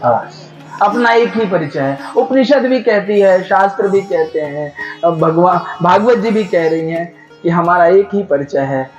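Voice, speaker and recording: A man preaching a devotional sermon, telling a sacred story and urging the audience with animated questions. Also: high voice, measured pace, lo-fi sound, faint music behind. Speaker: katha preacher.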